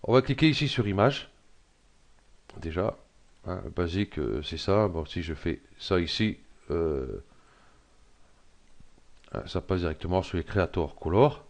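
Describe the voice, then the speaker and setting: A middle-aged man with a frog in his throat, hesitantly talking through a software tutorial with many fillers. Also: deep voice, expressive, measured pace, pauses often. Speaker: tutorial presenter. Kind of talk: screen-recorded software tutorial.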